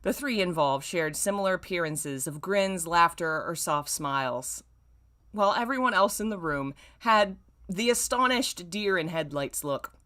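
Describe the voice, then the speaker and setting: A woman in her thirties streams a live reading of her own old fan fiction in a low-pitched voice that is animated, a little slow, pushed and bright. She leans theatrically on the descriptive words, then slips into wry, self-mocking asides.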